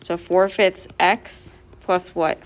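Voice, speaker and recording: A woman math teacher with a lowish, fairly flat voice speaks slowly as she goes over quiz answers in class step by step. She is patient and questions her students along the way.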